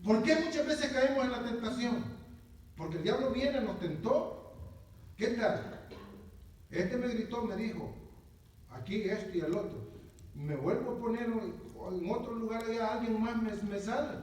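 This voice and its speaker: High-voiced pastor preaching in a hall. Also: male voice, expressive, a little slow, a little mellow. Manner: conversational, repeats words, often asks "¿verdad?". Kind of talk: conversational sermon. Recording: very echoey, distant, faint noise.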